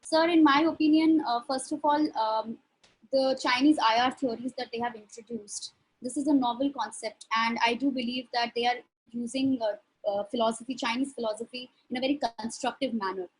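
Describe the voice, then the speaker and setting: A woman answers a panel question over a video call, courteous and deferential. Her voice is fairly high with a husky edge. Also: fairly even intonation, brisk, poor audio. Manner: polite, deferential, addresses chair as sir. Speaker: panel presenter.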